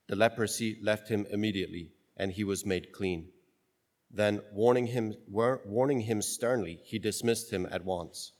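A man's voice: lowish voice, normal speed. A priest reading the gospel and then preaching in a casual, joking way, his voice ringing with a long cathedral-like echo. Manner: casual, joking, thinks aloud with restarts.

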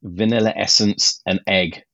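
A man with a low voice talks as a guest on a podcast, eager and chatty, often stopping to restart his sentences. The recording is dull and lo-fi, with a dry, close sound. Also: fairly even intonation, unhurried, vocal fry, sharp tone, no room sound. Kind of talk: casual chat.

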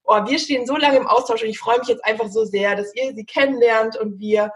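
A woman's voice: a little high, brisk. Gushing German-speaking woman podcast host. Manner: gushing, effusive. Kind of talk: casual podcast interview.

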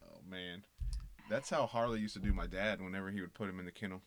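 A man co-hosting a podcast in casual chat, relaxed and joking, swearing easily and laughing often. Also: low voice, fast talker. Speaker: podcast co-host.

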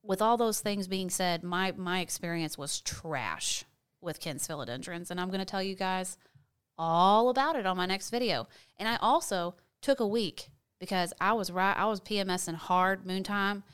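A woman's voice: on the low side, moderate pace, a bit bright, clear, resonant tone. A woman chatting casually to viewers like a video blogger telling a story, gossipy and candid, stressing points by repeating words.

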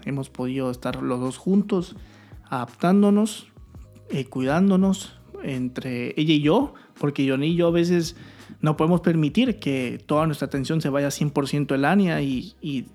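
A young man with a fairly high voice speaks in an earnest, candid way, as if talking straight to his viewers. His casual vlog delivery is heartfelt and plain. Soft music plays faintly behind him. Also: moderate pace. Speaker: vlogger, new father. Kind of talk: casual vlog talk to camera.

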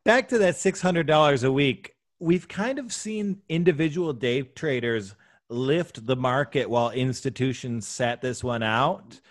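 A man's voice: mid-range voice, a little slow. A man co-hosting a podcast, joking and asking the guest pointed questions in casual chat. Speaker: podcast co-host.

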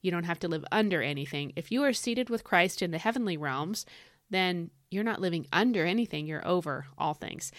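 A woman's voice: on the low side, lively intonation, a little fast, no room sound, studio quality. A woman giving an informal devotional talk, exhorting listeners in an emphatic, conversational way and repeating key phrases.

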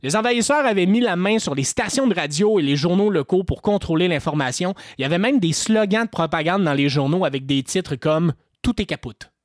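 A man with a Québécois French accent telling a history story on a podcast in an animated, joking way. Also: a little fast, few pauses, dry recording, studio quality. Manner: animated, jokey, lively pitch swings. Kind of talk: casual storytelling chat.

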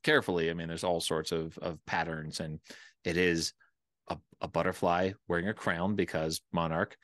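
Low-voiced American man interviewing casually. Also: flat delivery, moderate pace, a bit bright, dry recording.

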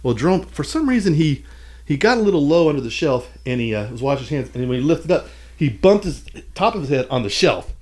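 A man telling lively stories in a casual chat, acting out his own reactions as he goes. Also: a little high, quick pace. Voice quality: animated, expressive delivery. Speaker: podcast guest.

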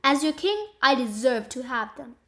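A vain, gullible king brags about his own greatness, as a woman voices him. His tone is haughty and boastful, and the voice sits a little high. It comes from an amateur radio play. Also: animated, moderate pace, pushed and bright, roomy sound. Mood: greedy.

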